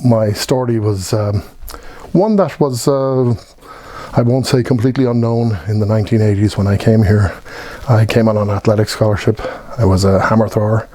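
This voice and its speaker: Low, husky Irish man in his fifties. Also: dark tone, no room sound. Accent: Irish (Dublin). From Ireland (Dublin). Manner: reflective, measured, with pauses and restarts. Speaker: Irish emigrant telling his story. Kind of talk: personal life-story recollection.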